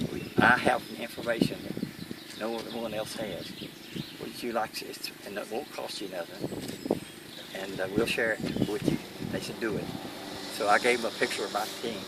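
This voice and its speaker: A World War II veteran, elderly at 80 or older, describes his wartime experiences in a Kentucky accent. His medium-pitched speech is plain and hesitant, as in an interview, and the distant mic captures background noise resembling vehicles.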